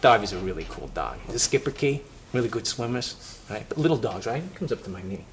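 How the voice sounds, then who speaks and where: An actor playing a foul-mouthed man who schemes and tells a crude story in animated, profane indie film dialogue. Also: lowish voice, quick pace, slight background noise. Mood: griping.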